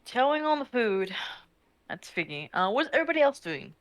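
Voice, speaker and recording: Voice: mid-range voice, sing-song, brisk, a bit bright, dry recording. A game master narrating a tabletop game in a rambling way with many restarts. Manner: rambling, lots of fillers and restarts.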